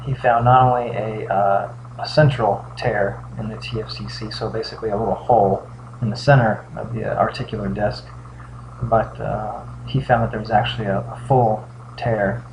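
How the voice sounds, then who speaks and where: Weary, creaky-voiced man after surgery. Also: fairly low pitch, fairly even intonation, a little mellow. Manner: halting, pausing often mid-thought. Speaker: patient recounting surgery. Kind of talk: casual update vlog. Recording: dull lo-fi sound with faint hum.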